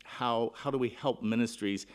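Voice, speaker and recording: A man's voice: mid-range voice, fairly even intonation, moderate pace. A middle-aged man giving a keynote talk at a conference, seated at a panel table and speaking into a table microphone in an earnest, emphatic way, often restarting his phrases.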